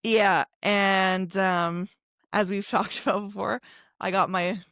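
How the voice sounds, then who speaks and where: A young adult woman co-hosts a podcast, chatting casually with plenty of fillers and laughs. Her mid-range voice is steady and fairly bright, and she takes her time, all captured in a dry, clean studio recording.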